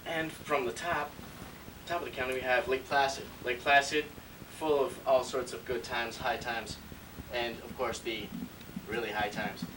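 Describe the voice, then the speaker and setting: A man's voice: mid-range voice, fairly even intonation, moderate pace, lightly acted. A man playing a breezy, mock-serious weatherman in a parody newscast. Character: parody TV weatherman cheerfully forecasting wild teen parties. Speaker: weather presenter. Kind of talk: parody news weather report. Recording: distant mic, faint room noise.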